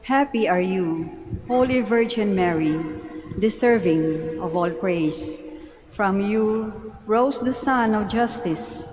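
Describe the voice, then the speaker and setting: A woman lector reciting scripture solemnly and deliberately in a large, reverberant church. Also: mid-range voice, animated, a little mellow. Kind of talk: liturgical psalm recitation. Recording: long church reverb, faint noise.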